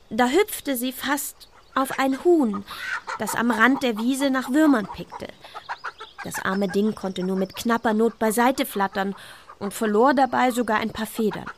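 A woman narrating a children's story in a calm, expressive storytelling manner. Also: mid-range voice, a little hiss or hum.

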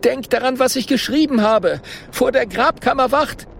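A man's voice: animated, measured pace, vocal fry, a little hiss or hum. A man voicing a skittish, forgetful old-time scribe who talks in a raised, nervous voice. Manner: nervous, higher voice.

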